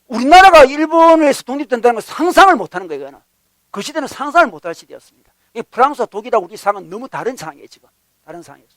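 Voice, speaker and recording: A man's voice: very high voice, sing-song, very fast, a bit bright, no room sound. A male pastor delivering a sermon, acting out complaints and God's replies with sudden emphatic rises. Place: church.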